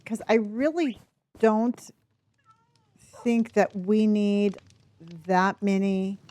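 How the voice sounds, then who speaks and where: A woman live streaming a game with casual, halting commentary, thinking aloud, with a speech impediment that turns her r's into w's. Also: medium pitch, steady tone, dark tone. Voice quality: speech impediment, cannot pronounce R's, says w for r.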